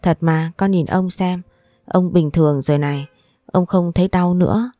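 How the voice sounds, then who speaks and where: A woman's voice: on the low side, steady tone, normal speed, mellow, no echo, clean studio sound, close to an everyday voice. A woman voicing a kind, reassuring older grandfather in a storybook reading.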